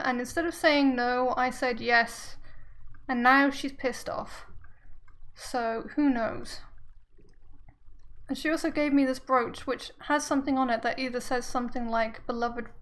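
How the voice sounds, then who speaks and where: A woman's voice: high-pitched, fairly bright tone, low-quality recording. A woman giving casual let's play commentary on a story game, chatting as she plays. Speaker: video game streamer playing a story game.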